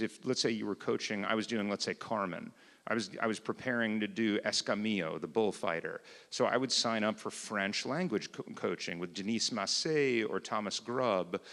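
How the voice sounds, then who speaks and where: A man's voice: fairly low pitch, a bit bright. Male cantor lecturing in a reverberant hall. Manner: conversational, with many fillers. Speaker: cantor teaching an opera class. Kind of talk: informal lecture. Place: synagogue hall.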